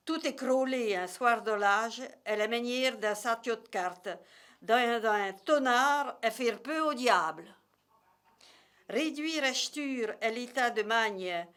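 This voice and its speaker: Woman storyteller, rural Burgundian Morvan accent, higher-pitched voice, very slow measured delivery of a dialect tale. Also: a bit bright. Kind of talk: storytelling in regional dialect, read aloud.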